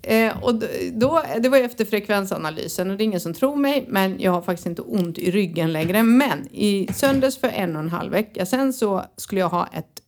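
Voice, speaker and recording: A woman co-hosting a casual chat, telling a lively anecdote with swearing and laughter. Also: mid-range voice, few pauses. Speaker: podcast co-host.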